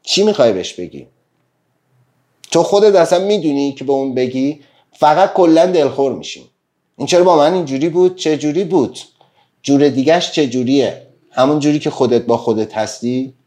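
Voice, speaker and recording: A man's voice: medium pitch, dark tone. A man giving a casual motivational talk on a live stream, speaking earnestly and piling up rhetorical questions to his listeners. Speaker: self-help speaker.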